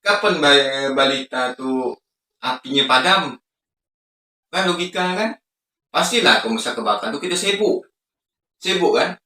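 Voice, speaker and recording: A man's voice: on the high side, sharp tone, roomy sound, distant mic. A man giving casual reaction commentary on a clip, skeptical and mocking, asking pointed questions.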